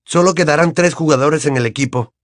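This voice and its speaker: A man's voice: fairly high pitch, brisk, no room sound, clean studio sound, voice pushed up, natural voice. A man voicing a frustrated, blunt teenage boy in an audiobook, speaking curtly. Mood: irritated. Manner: curt, irritated. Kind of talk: audiobook character voice.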